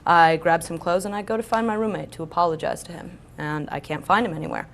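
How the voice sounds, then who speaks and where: Woman in her twenties, lowish voice, lively self-mocking storyteller. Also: fast talker. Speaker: celebrity guest. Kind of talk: comic storytelling.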